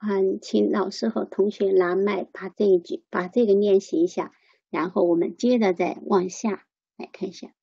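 Patient woman teacher, mellow husky tone, dull dry call audio. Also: mid-range voice, fairly even intonation, no room sound. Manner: slow, patient, repeats examples. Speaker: English teacher. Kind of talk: online pronunciation lesson.

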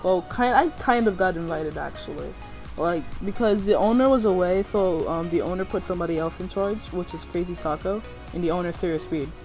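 Young male gaming host, higher-pitched, slangy and boastful rambling commentary over clearly audible music. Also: brisk, a little mellow. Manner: rambling, slangy, self-hyping. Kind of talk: casual gameplay commentary.

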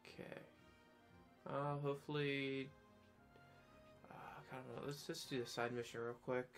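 Male let's-play host, middle pitch, wry and talkative, faint game music under him. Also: little pitch movement, moderate pace. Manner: chatty, sarcastic asides. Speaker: gaming channel host. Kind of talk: casual gameplay commentary.

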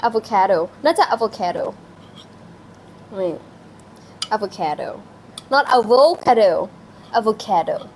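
A woman's voice: on the high side, animated, very slow, pauses often, darkish tone, slight background noise. A young woman hosting a casual live stream, giggling, teasing and thanking her viewers, slipping English phrases into her talk. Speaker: live-stream host eating on camera.

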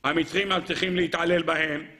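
A man, a rabbi, giving a Torah lecture in an animated way, asking rhetorical questions and speaking directly to his listeners. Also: on the high side.

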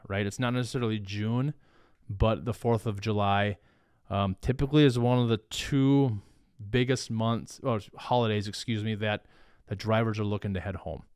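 A man's voice: mid-range voice, smooth, no echo, studio quality. A man with a northern Minnesotan accent, moderating a casual discussion among colleagues and putting questions to them in an easygoing way. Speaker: logistics panel moderator.

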